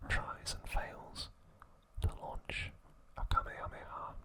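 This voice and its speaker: A man softly whispers his way through trivia for ASMR, his breath audible in the voice. He reads carefully in short, broken-up phrases.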